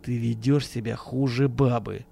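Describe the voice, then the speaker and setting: A man doing a calm, firm-voiced bodyguard. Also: medium pitch, moderate pace, natural voice. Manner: calm, firm, matter-of-fact. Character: cool-headed male bodyguard, reasoning and firm.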